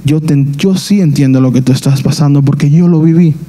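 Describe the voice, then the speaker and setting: Dark-voiced man preaching. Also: on the high side. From Dominican Republic. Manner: earnest, halting, restarts phrases often. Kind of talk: sermon with personal testimony. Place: church.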